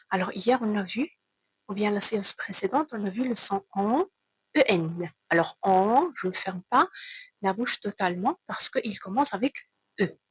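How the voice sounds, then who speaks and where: A woman teaches young children to read, going slowly and carefully and repeating each sound and word. Her voice is a little husky, at a middle pitch. The recording is dry and close. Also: dry recording, low-quality recording. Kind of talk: children's reading lesson.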